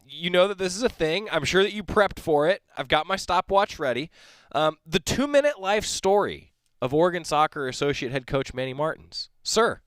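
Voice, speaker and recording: A man hosting a sports radio show from a studio, talking in a loose, rambling way with small jokes and restarts. His voice sits a little high and comes through smooth and resonant. The studio sound is dry. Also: a bit bright, dry recording. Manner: rambling, self-correcting, joking. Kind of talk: casual interview chat. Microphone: studio mic.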